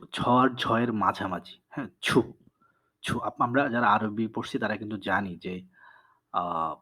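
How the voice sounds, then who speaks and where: A young man from Bangladesh gives a vocabulary lesson at an unhurried pace, with a husky, slightly breathy voice. He says each word, then repeats it carefully and patiently. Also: medium pitch, a bit bright. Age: young adult. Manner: patient, explains pronunciation step by step. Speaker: Korean language teacher.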